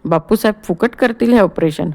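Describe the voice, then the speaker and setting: A woman's voice: medium pitch, normal speed, a little mellow, natural voice. A woman voicing a cold, needling young man in an audiobook play reading. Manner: cool and needling.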